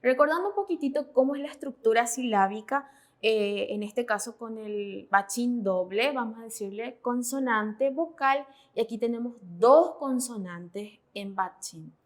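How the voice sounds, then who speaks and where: Speaking Spanish at an unhurried pace, a Paraguayan woman with a voice on the high side explains Korean pronunciation in a classroom. She works through it methodically and keeps checking in with her students.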